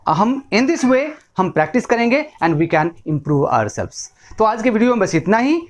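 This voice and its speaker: A man's voice: high voice, sing-song, unhurried. A man with an Indian accent teaching an English lesson, drilling words by repeating them and often checking in with "right?". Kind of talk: bilingual classroom lesson.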